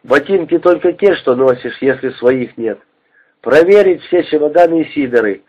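A man reading the part of a hoarse, bossy male prison-camp convoy chief barking orders. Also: a little high, expressive, moderate pace. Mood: commanding. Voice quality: hoarse tenor. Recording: dull lo-fi recording.

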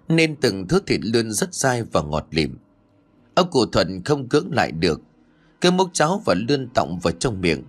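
A man with a low voice tells a scripted ghost story, his pitch rising and falling in a dramatic, animated way. Faint music plays quietly under the narration.

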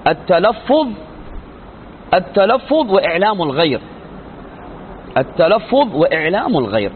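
A man's voice: high-pitched, big pitch swings, moderate pace. A man teaching a religious lesson in an emphatic style, asking rhetorical questions and answering them himself. The recording sounds thin and narrow, with faint noise behind him. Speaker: sheikh teaching creed. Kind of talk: religious lecture.

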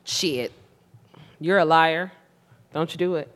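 A woman co-hosting a casual group chat, sassy with quick interjections. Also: sits low, fairly bright tone.

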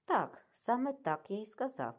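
A woman reading the lines of a shrewd middle-aged male detective who questions calmly and pointedly. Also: mid-range voice, moderate pace, voice pushed up. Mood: probing.

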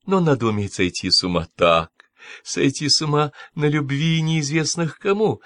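A man's voice: on the high side, expressive, normal speed, a bit bright, no echo, voice pushed up. A man voicing an emotional, exalted elderly woman who pleads and cries out.

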